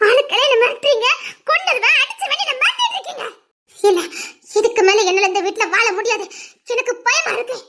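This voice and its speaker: Young woman playing a high, bright-voiced defiant wife. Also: lively intonation, brisk, exaggerated voice. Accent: Tirunelveli Tamil. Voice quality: tearful, protesting, repeats herself. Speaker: young wife in a family drama. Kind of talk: family drama acting.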